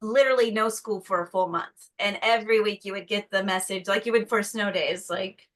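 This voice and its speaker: A woman's voice: mid-range voice, fairly quick, rough recording. A woman guest from North Carolina in casual conversation, chatty, acting out quotes in a put-on voice. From North Carolina, USA.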